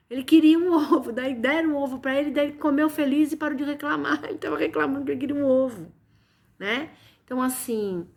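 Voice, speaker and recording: A woman with a Brazilian Portuguese accent hosting a casual spiritual live stream from home, chatty and often turning to her viewers. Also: fairly high pitch. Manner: chatty, keeps addressing viewers with "gente" and "né". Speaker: live-stream host and reiki teacher.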